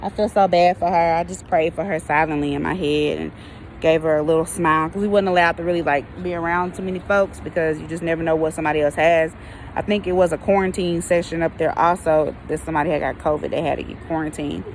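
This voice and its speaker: American lady vlog chat, kinda low voice, folksy n rambly, bit of outside noise behind her. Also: fairly even intonation, fast talker. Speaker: vlogger. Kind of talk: casual chat to viewers, rambling.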